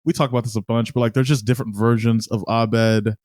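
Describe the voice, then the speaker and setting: A man chats in a relaxed way on a casual podcast, mid-pitched and easygoing. He speaks close to the mic. The sound is dry and plain. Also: fast talker, no room sound. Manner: relaxed, laughs along, short agreements. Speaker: podcast co-host.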